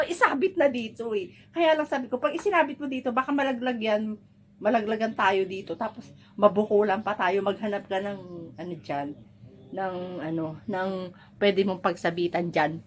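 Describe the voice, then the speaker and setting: A woman from the Philippines, vlogging casually at home, telling a story in a rambling, chatty way and laughing often. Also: medium pitch.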